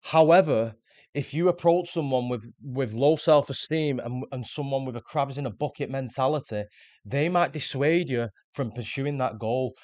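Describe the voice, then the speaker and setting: A man's voice: mid-range voice, moderate pace, darkish tone, dry recording. A man, earnestly explaining self-improvement ideas in a scripted motivational monologue. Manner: earnest, explanatory, repeats words when restarting. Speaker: self-improvement video host.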